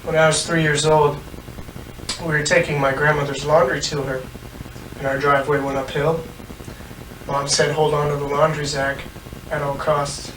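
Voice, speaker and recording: A man quietly telling a family anecdote to a documentary camera in a flat, deadpan way. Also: fairly high pitch, normal speed, long pauses. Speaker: interviewee. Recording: echoey room from far off with clear hiss.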